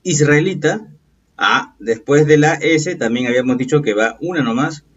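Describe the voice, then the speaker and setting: A man teaching a recorded review lesson, explaining patiently and checking in with quick "okay?" and "right?" questions. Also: on the high side, expressive, breathy edge. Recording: distant, dull lo-fi voice.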